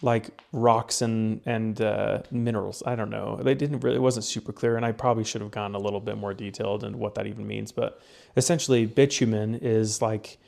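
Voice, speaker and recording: A man's voice: fairly low pitch, steady tone, fairly quick, creaky, darkish tone. Rambling man explaining on a podcast. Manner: rambling, hedging, many fillers and restarts. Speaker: podcast co-host presenting research. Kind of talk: casual chat.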